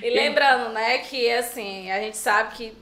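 A woman's voice: a little high, a little slow, a loud crowd. A woman, a panelist who repeats and stresses her points in a casual discussion. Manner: emphatic, agreeing, repetitive. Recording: echoey room.

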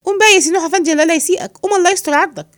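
A woman with an Egyptian accent voicing a jittery young male servant who pleads in a high, quick voice. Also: expressive, no echo, clean studio sound. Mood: pleading. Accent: Egyptian Arabic.

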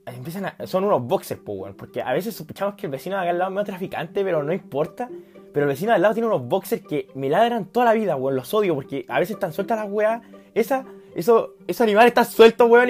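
High-voiced Chilean guy telling a story. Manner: animated, slangy and profane, swinging from hushed to shouting. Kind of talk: casual storytelling.

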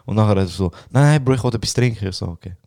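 A man's voice: on the low side, lively intonation, racing, creaky, warm tone. A young man with a Swiss German accent, a podcast co-host who tells casual stories, acts out quotes and laughs often. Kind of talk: casual storytelling chat.

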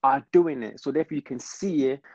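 A Congolese-born London man talking in a casual interview as a guest, hesitant and filling pauses with ums. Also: mid-range voice, a little mellow, no room sound, rough recording. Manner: hesitant, many ums, laughs easily. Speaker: guest, fashion brand founder.

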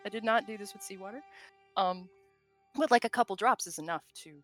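A podcast co-host with a bright, forceful tone, chatting loosely about game lore. The delivery rambles, breaks into frequent laughter and drops the odd swear word, with faint music underneath. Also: mid-range voice, a little fast. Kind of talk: casual lore chat.

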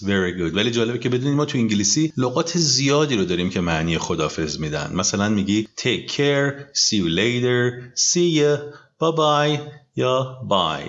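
A man teaching a language lesson, patiently repeating each phrase slowly for the learner. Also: mid-range voice. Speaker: English teacher. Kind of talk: language lesson, slow model pronunciation. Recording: dull lo-fi audio.

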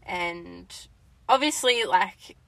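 A woman's voice: lowish voice, drawn-out words, creaky, a bit bright, no echo. A woman co-hosting a casual advice chat, talking informally with slang and swearing. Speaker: podcast co-host.

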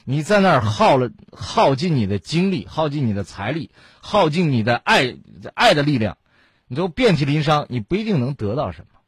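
Husky man giving blunt advice. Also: a little high, big pitch swings, normal speed, no echo, clean studio sound. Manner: blunt, lecturing, rhetorical questions. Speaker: radio advice host. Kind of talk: call-in advice talk.

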